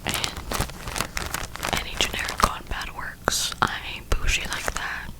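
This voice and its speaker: A young adult woman speaking in a breathy, unvoiced whisper, rambling casually in slangy ASMR style. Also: takes it slowly, poor audio. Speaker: ASMR creator.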